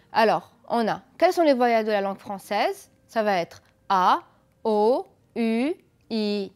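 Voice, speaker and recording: A woman teacher giving a televised school lesson, explaining patiently, asking pupils questions and praising their answers. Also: a little high. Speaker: French teacher.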